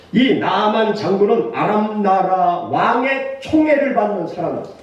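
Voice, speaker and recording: A man preaching a sermon as pastor, animated, acting out the quoted lines with sudden shouts. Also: high-pitched. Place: church sanctuary. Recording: distant, echoey, dull church sound.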